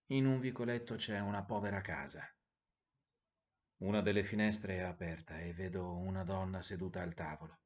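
A man voicing a gentle, grieving prince statue in a storybook, speaking soft and low. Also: normal speed, natural voice. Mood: sorrowful.

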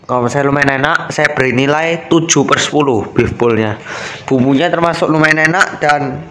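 A man's voice: mid-range voice, moderate pace, fairly bright tone, rough recording. A young man, chatting casually through a food review at an outdoor cafe at night and saying "guys" again and again. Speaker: food vlogger.

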